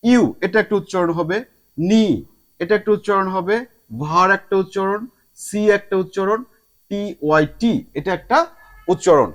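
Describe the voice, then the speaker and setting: A man teaching a spoken lesson, mixing English phrases into his speech and drawing out each example word slowly. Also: high voice. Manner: slow drawn-out word demonstrations.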